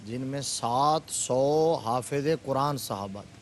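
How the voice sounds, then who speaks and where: A man speaking as a religious scholar in a TV studio, recounting events in a fervent storytelling voice. He builds from calm, measured passages into loud emphatic peaks. A faint hiss sits under the studio sound. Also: medium pitch.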